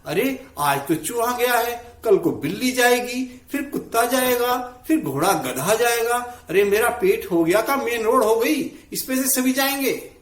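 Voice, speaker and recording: A man voicing a foolish male shopkeeper who talks loudly and dramatically, in a storybook joke. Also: very high-pitched, expressive, unhurried, hardly any pauses, reverberant, voice pushed up. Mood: dramatic.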